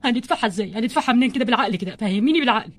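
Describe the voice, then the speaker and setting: A woman's voice: fairly high pitch, expressive. A woman with an Egyptian accent voicing a stingy, flustered husband doll in a play, grumbling and complaining about money. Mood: exasperated. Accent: Egyptian Arabic. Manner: exasperated grumbling, fast and wordy.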